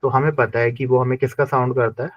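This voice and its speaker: A man gives a classroom lesson, drilling sounds slowly and saying each word again and again. His voice is dry and close, and the recording is dull and lo-fi. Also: mid-range voice, little pitch movement, dry recording. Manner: slow repetitive drilling of pronunciation. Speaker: German language teacher.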